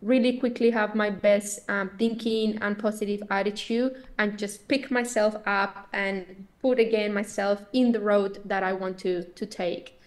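A woman's voice: medium pitch, fairly even intonation, unhurried, few pauses. Reflective woman podcast guest. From Colombia. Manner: earnest, reflective, with frequent restarts. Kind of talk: podcast interview.

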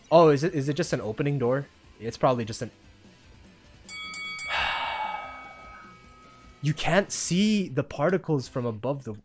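Gamer narrating a platformer run, jumpy reactions, voice all over the place, soft music behind. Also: mid-range voice. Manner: excitable, reacts loudly with exclamations and self-talk. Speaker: gamer playing a Roblox obstacle game. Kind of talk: let's-play commentary. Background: faint game music.

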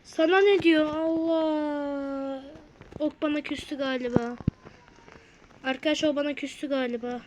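Excitable high-pitched woman gamer. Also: a little slow, pauses often. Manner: excitable, chatty, bursts into shouts. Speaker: gameplay channel host. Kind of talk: live gameplay commentary. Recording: noisy home recording.

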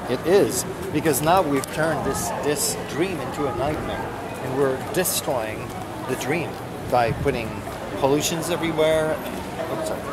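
A middle-aged man talking in a halting, reflective way during a casual chat outside a shopping mall. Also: fairly high pitch, over a noisy crowd. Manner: halting, reflective, many fillers. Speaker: moviegoer discussing a film. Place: outdoor shopping mall at dusk. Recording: loud outdoor street noise.

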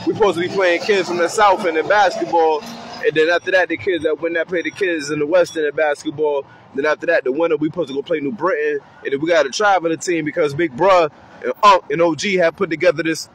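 A man's voice: fairly high pitch, fairly even intonation, fast talker, fairly bright tone. A man speaking casually and from the heart about mentoring kids, outdoors on a city street. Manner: heartfelt, slangy, acts out kids' voices. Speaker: community outreach speaker. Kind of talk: casual street talk to camera. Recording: faint street noise outdoors.

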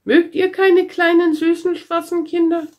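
A woman's voice: very high-pitched, level tone, a little slow, warm tone, pitched above the performer's own voice. A woman voicing a cheerful, boastful young girl in a storybook read-aloud, with a bouncy, carefree manner. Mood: merry. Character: cheerful, boastful red-haired girl, very strong.

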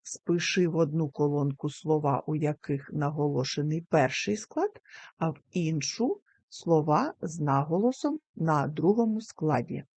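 In a recorded lesson for young kids, a primary school teacher sounds out each word syllable by syllable, taking it slowly and carefully. Her voice sits low with a darkish tone and an animated delivery, captured dry.

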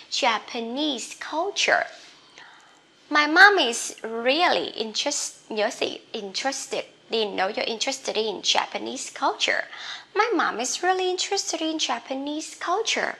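Southern Vietnamese woman, English teacher, bright and slightly high voice, chatty, models examples slowly. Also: husky. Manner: chatty explanations, slow deliberate English examples. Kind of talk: pronunciation lesson.

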